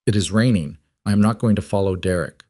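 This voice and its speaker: A man voicing a calm middle-aged businessman who speaks quietly and flatly, without heat. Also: fairly low pitch, brisk, dry recording, studio quality, natural voice.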